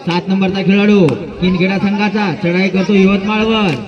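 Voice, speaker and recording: A man announcing a kabaddi match live through an outdoor loudspeaker, calling out the scores in a raised sing-song. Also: sits high, little pitch movement, moderate pace, lo-fi sound. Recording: crowd noise at outdoor ground.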